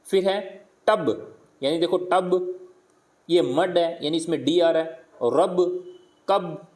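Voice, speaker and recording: Man teacher, slightly high voice, repeats and sounds out words. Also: darkish tone. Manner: explains slowly, repeating words and sounding them out; asks questions and answers them himself. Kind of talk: worksheet lesson for primary pupils.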